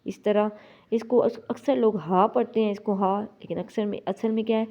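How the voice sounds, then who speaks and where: Patient female reading teacher; stretches sounds to demonstrate, mid-pitched, muffled lo-fi recording. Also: steady tone, warm tone. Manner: patient, drawing out single letters slowly to demonstrate. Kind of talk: step-by-step pronunciation lesson.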